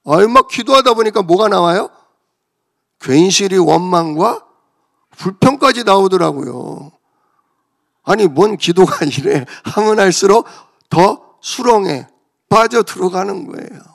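A man's voice: high voice, expressive, a little slow, vocal fry. A man pastor preaching an emotional, confessional sermon that builds in intensity.

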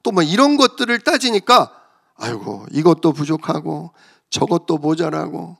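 A man's voice: on the high side, expressive, moderate pace, vocal fry, fairly bright tone. A man pastor preaching an emotional, confessional sermon that builds in intensity.

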